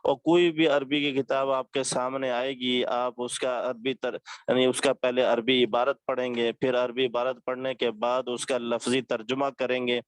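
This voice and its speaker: A man's voice: medium pitch, little pitch movement, hardly any pauses, clean tone, dry recording. A man, a religious teacher giving earnest advice to his students and repeating each point. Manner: repetitive, earnest, exhorting.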